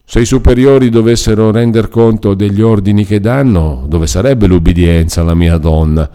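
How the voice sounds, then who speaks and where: A man's voice: lowish voice, moderate pace, dark tone, natural voice. A man reading aloud and voicing a chatty, self-important older male friar who explains at length. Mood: explaining. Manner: garrulous, explaining, reassuring.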